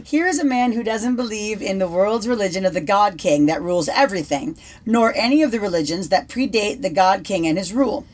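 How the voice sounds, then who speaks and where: A woman co-hosting a casual podcast, giving prepared answers in a measured, steady way. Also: medium pitch. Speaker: podcast co-host.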